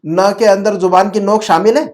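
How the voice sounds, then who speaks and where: Over a computer mic in an online video class, an Arabic teacher explains pronunciation to a student in Urdu, mixing in English terms. At an average pitch, with fairly even intonation and a slightly mellow tone, he or she patiently repeats words and often checks that the point is understood.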